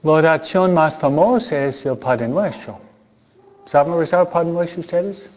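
Priest, man; slow, questioning catechism talk to kids, acts out small dialogues; muffled recording. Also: a little high, expressive, a little mellow. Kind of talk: catechism talk to children and parents. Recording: dull lo-fi recording.

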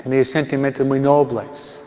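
A man, a priest, giving a funeral homily and retelling a story simply, with pauses. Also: mid-range voice, flat delivery, dark tone. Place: church. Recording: lo-fi recording in a reverberant church.

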